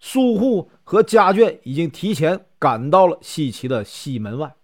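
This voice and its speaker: A male storyteller with a Northeastern Mandarin accent narrates a classical epic, his pitch swinging widely through the telling. He sits somewhat high for a man and drags out the particles at the ends of his sentences. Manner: lively, drawn-out particles.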